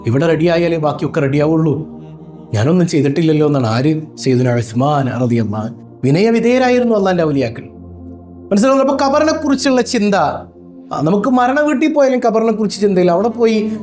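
A man preaching to his followers, asking rhetorical questions and chanting Arabic phrases slowly. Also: high-pitched, darkish tone. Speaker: Islamic preacher. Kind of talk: religious talk to followers.

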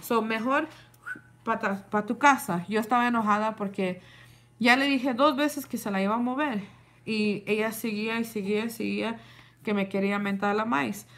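Woman, young adult, casual storytelling, animated, code-switching. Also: on the high side, moderate pace. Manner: animated, switches between Spanish and English. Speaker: vlogger. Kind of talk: casual storytime to a live audience.

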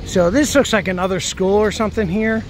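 A travel vlogger, a native English speaker with a high-pitched voice, talks a little fast while walking and filming on city streets. His casual commentary rambles, peppered with "right?" tag questions. Traffic and street noise fill the outdoor recording.

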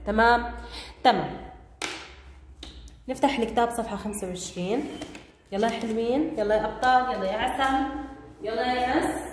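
A fairly high-voiced woman with a Levantine Arabic accent teaches a grammar lesson to a class. She talks patiently, goes over each point again and keeps checking that everyone follows. Her voice rings through a room with a long, echoey reverb. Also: fairly quick, pauses often, slight background noise. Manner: patient, repeats key points and checks understanding.

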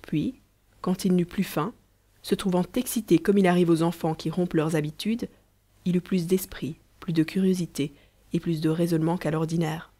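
Low, mellow woman narrator. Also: fairly even intonation, normal speed, husky. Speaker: audiobook narrator. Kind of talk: scripted narration.

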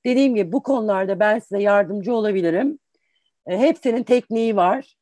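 A woman's voice: medium pitch, fairly quick, warm tone, no room sound. A woman in her forties, an English teacher, giving patient, explanatory advice in an interview and restating points with examples. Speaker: English teacher and career guest.

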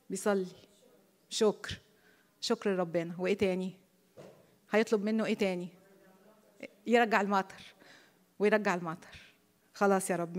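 A woman with an Egyptian accent leading a church women's Bible study, reading scripture and explaining it in a lively way that sinks to a soft, low voice. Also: in a large hall. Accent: Egyptian Arabic. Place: church hall.

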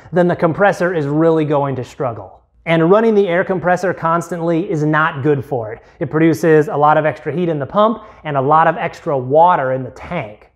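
Methodical man explaining a tool test. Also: fairly high pitch. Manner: plain, methodical, step-by-step explaining. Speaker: tool reviewer, channel host. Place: home garage, indoors. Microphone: clip-on lapel mic.

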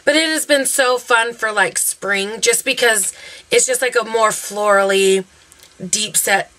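A woman's voice: a little high, measured pace, pushed and bright. A young woman reviewing her favorite beauty products in a chatty, gushing way, full of fillers like "um" and "like". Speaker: beauty vlogger.

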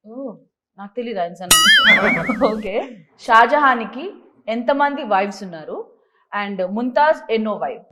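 A woman's voice: fairly high pitch, animated, moderate pace, long pauses, very noisy. A woman hosting a playful quiz game show, teasing and bossy, mixing English words into her talk.

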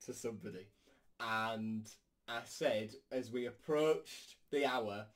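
A man's voice: mid-range voice, slow pace. Young man talking with retainers in, tired. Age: young adult. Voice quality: slightly impeded speech from wearing retainers. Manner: tired, weary. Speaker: football fan vlogger. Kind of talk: casual chat to camera. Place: small bedroom, indoors.

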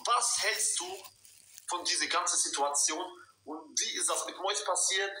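High, sharp-voiced young man in echoey room. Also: unhurried. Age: young adult. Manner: emphatic, repeats himself. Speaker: livestream host. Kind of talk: casual slangy livestream chat. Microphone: phone on a video call. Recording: roomy echo, faint noise.

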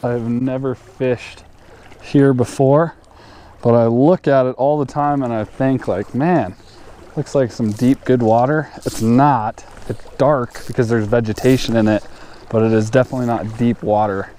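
A man's voice: medium pitch, unhurried. Young man narrating while fly fishing. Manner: relaxed, explaining as he fishes. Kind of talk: casual outdoor vlog narration. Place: outdoors on a river. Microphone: action camera.

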